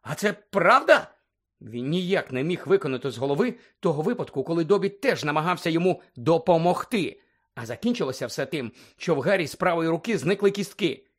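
Man, audiobook narrator, measured, softly dramatic, slightly high voice. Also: expressive. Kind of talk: expressive storybook narration.

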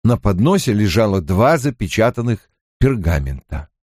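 A man's voice: on the low side, big pitch swings, moderate pace, darkish tone, no echo. Male audiobook narrator, dry sound. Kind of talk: scripted narration.

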